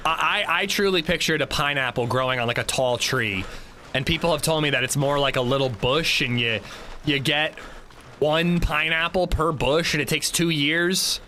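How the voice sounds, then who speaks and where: Male streamer, high-ish bright voice, chatty and self-mocking, light noise floor. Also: normal speed. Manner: chatty, self-mocking, reads chat aloud. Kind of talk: casual gaming livestream chat.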